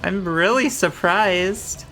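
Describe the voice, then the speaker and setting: A young adult woman streams a game, rambling and thinking aloud in casual commentary as faint game music plays underneath. Her mid-range voice has a fairly bright tone, and she speaks slowly.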